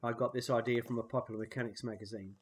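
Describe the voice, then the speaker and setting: A man's voice: medium pitch, racing. An Australian man with a nasal voice from a cold, casually explaining a homemade trailer tool outdoors. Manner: relaxed, plain-spoken explaining. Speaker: DIY maker. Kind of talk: casual how-to narration. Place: outdoors on a dirt road. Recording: loud outdoor noise behind the voice.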